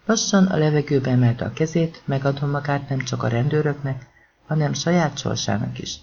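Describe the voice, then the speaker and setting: A man's voice: on the high side, gravelly, a little mellow, slight background noise. A man reading a crime thriller audiobook aloud in a tense, dramatic storytelling manner. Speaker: audiobook narrator. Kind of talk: scripted audiobook narration. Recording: dull lo-fi recording.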